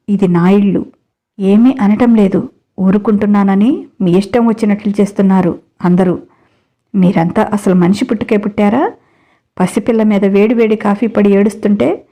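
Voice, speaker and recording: A woman's voice: mid-range voice, mellow, close to an everyday voice. A woman voicing a long-suffering young wife who now talks back in a stern, cutting way. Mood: defiant. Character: put-upon young wife finally defiant.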